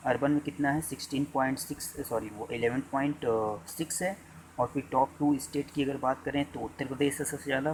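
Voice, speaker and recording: A male teacher gives an exam-prep lecture, repeating phrases and dictating them slowly for students to note. His pitch sits in an ordinary middle range. A faint noise runs under the recording. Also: low-quality recording.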